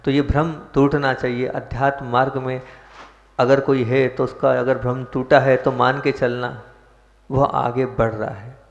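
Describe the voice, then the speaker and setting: A male Jain monk giving a sermon, chanting prayers slowly and then preaching in a measured way with rising emphasis. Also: mid-range voice, little pitch movement, muffled recording. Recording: echoey hall with long reverb.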